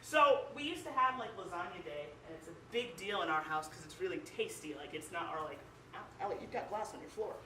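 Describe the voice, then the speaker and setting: In a small live music venue, a young woman from Cleveland, Ohio, performs spoken word poetry in a lowish, expressive voice that's fairly quick, pushed and bright. Her delivery is emotional and emphatic, full of "like"s. The recording carries a roomy echo from a distance plus a little hiss or hum.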